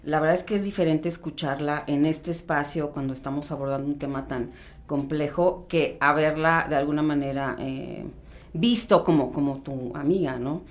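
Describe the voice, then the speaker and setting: A woman's voice: low-pitched, steady tone, normal speed. A woman co-hosting a podcast, reflecting thoughtfully and posing rhetorical questions. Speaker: podcast co-host.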